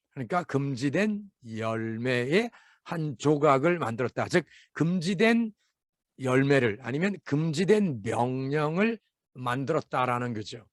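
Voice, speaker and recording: A man's voice: fairly high pitch, dry recording. Man teaching Bible English, dry close mic. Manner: slow, careful reading of English phrases between explanations. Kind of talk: explaining Bible verses in an English lesson.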